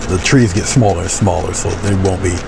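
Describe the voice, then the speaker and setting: A middle-aged man gently walking through a painting as instructor, thinking aloud in an unhurried, casual way while he works. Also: deep voice, steady tone, gravelly, background noise. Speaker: painting instructor and livestream host. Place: small indoor room with curtained window, painting at an easel.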